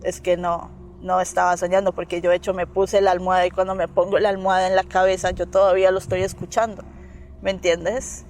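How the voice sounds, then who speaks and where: A woman's voice: lowish voice, brisk, slight background noise. Colombian woman telling a story with animation. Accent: Colombian Spanish. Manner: animated storytelling, acting out quoted dialogue, frequent "¿me entiendes?". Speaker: interview guest. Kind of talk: recounting a personal paranormal experience.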